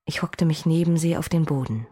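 A woman narrating a first-person fantasy audiobook, expressive with dry, wry asides. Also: low-pitched, a little fast, husky.

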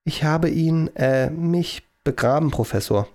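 A man voicing a timid male lab assistant who talks haltingly, full of fillers. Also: on the high side, expressive, vocal fry, darkish tone.

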